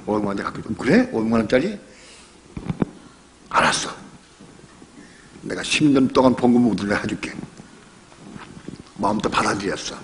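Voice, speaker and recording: Older man, pastor, sermon delivered as emphatic conversation, mid-pitched voice, faint noise behind. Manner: conversational preaching with rhetorical questions and personal stories; emphatic, repeats phrases.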